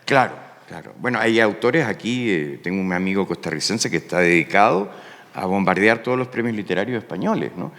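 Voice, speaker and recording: A man's voice: on the low side, lively intonation, a little fast, gravelly, a bit bright. A Chilean poet speaking on a panel in a musing way, often adding "¿no?" to check in with his listeners. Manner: reflective, musing, with frequent rhetorical "¿no?". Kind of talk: panel talk. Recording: long hall reverb.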